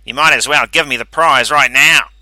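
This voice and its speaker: A man's voice: mid-range voice, moderate pace, sharp tone, dry recording, voice pushed up, low-quality recording. A man voicing a smug, self-assured older male inventor in an audiobook reading. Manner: emphatic, confident.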